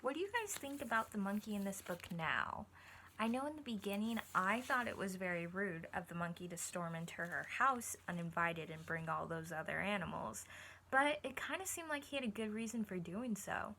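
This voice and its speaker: In a low-quality recording with slight background noise, a woman with a pushed, bright, mid-range voice reads a picture book at normal speed. She's animated and teacherly, breaking off to put questions to the young children listening.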